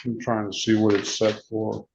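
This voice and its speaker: A man's voice: fairly low pitch, completely flat delivery, normal speed, vocal fry. A man presiding as judge in a courtroom recording, calling cases and giving procedural instructions in a matter-of-fact way, repeating key points. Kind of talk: court proceedings, reading case calls. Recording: dull lo-fi courtroom audio with faint hiss.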